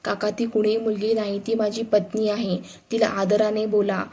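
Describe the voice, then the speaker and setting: A woman's voice: medium pitch, flat delivery, normal speed, a little mellow, slightly rough. A woman reading a firm young husband. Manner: firm, restrained anger. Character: young husband, angry and protective, a man.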